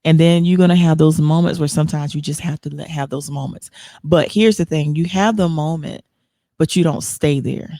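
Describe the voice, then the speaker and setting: Gravelly, mellow-voiced woman host. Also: low-pitched, moderate pace, no room sound, studio quality. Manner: earnest, emotional, rambling with restarts. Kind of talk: casual online talk show chat.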